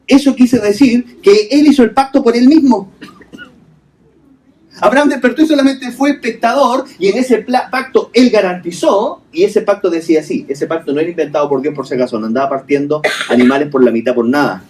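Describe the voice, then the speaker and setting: A man's voice: sits high, brisk, a little mellow, recorded from a distance. A male pastor preaching a sermon in a hotel hall, asking the congregation rhetorical questions and mixing English terms into his talk.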